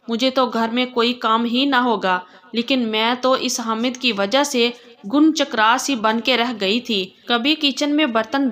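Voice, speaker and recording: Woman storyteller, first-person narration, steady, plain delivery, high-ish voice.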